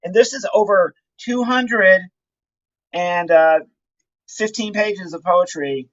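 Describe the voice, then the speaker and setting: Recorded on a handheld camera with dull, lo-fi sound, a man leads a walking video tour while enthusiastically plugging his poetry book. His high-pitched, slightly bright voice moves slowly, casual and effusive, with no echo.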